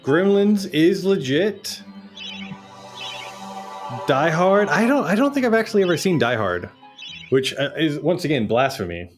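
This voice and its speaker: With game music playing, a young man streams a video game and keeps up relaxed, easygoing chatter full of swearing. His slightly high voice is very animated but a little slow, broken by long pauses.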